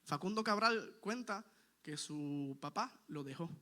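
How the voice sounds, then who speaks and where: A man with a high, bright and forceful voice preaches a sermon at a measured pace, sounding animated. He is earnest and emphatic, repeating points for emphasis and turning to his listeners with direct questions.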